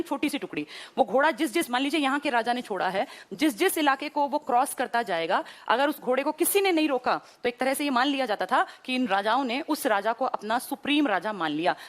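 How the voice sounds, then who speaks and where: High-voiced woman teaching a history lesson. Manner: explanatory, asks and answers her own questions. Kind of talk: exam-prep history lesson.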